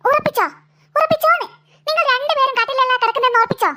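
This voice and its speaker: A woman's voice: extremely high pitch, racing, pushed and bright, a little hiss or hum. A woman voicing a weary cartoon mother who keeps scolding her two quarreling daughters, in a nagging, exasperated way. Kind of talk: cartoon voice acting.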